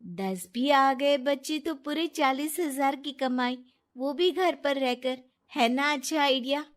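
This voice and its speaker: A woman voicing a kind, trusting young woman friend in a storybook tale, with a lively, soothing way of talking. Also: sits high, takes it slowly, voice pushed up. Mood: friendly.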